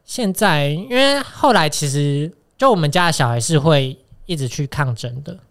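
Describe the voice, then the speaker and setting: A woman guest on a casual podcast speaks in a relaxed, matter-of-fact way. Her pitch moves in lively swings. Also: moderate pace. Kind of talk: casual chat.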